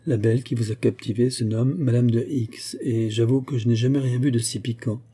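A man's voice: medium pitch, steady tone, brisk, dark tone, slightly rough, natural voice. A man playing an amused, worldly duke who answers in a matter-of-fact way.

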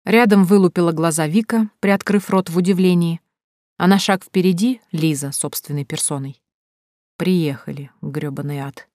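A woman narrating an audiobook in a steady storytelling read, recorded on a close studio mic. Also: on the low side, normal speed, dry recording. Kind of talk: scripted narration.

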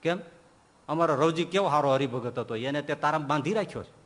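A stern, admonishing divine master speaks in a storytelling sermon, sharply reproving a devoted wife. His voice sits somewhat high, as a male preacher puts him on. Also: fast, natural voice.

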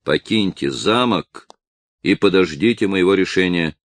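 A man's voice: low-pitched, lively intonation, measured pace, no room sound. A man voicing a haughty duke who gives cold, threatening orders, in an audiobook. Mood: commanding. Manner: cold, commanding.

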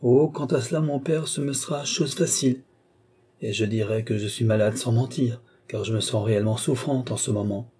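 A man voicing a pale, dutiful young noblewoman who answers quietly and politely. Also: medium pitch, normal speed, slightly rough, natural voice. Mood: subdued.

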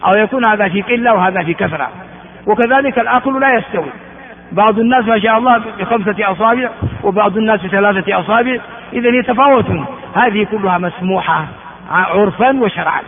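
High-voiced man teaching in an echoey hall. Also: quick pace, crowd noise. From Ethiopia. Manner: repeats words and asks rhetorical questions. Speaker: religious teacher. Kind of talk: classroom lecture on hadith. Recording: phone-like sound in an echoey hall.

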